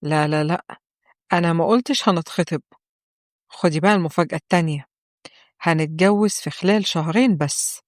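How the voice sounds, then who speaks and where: A woman's voice: fairly low pitch, brisk, pauses often, no room sound, clean studio sound, close to an everyday voice. A woman with an Egyptian accent voicing a playful young man who is eager to marry, in a told story. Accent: Egyptian Arabic. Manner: playful, teasing.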